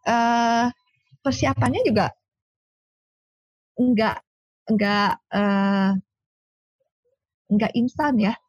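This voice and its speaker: A husky woman tells stories with animated energy, her voice sitting a little higher than most. She talks casually as a sports psychologist. The sound is dry and a bit dull. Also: very slow, long pauses, no room sound. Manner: animated storyteller, acts out quoted dialogue. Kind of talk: casual interview chat.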